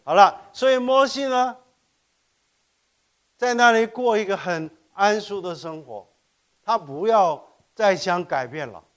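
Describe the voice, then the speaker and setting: An older man, raised in Korea, preaches an animated sermon in a somewhat high voice. He tells stories, keeps correcting himself mid-sentence and mixes English words into his talk. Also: measured pace, long pauses. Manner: animated storytelling with frequent self-corrections and code-switching to English. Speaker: pastor.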